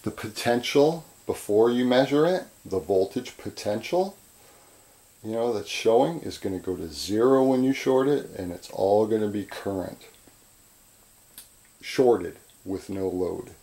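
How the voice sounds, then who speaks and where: A man giving an informal chalkboard lecture as an instructor, halting and repetitive, often checking in with "right?". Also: on the low side, animated, mellow. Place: indoors at a chalkboard.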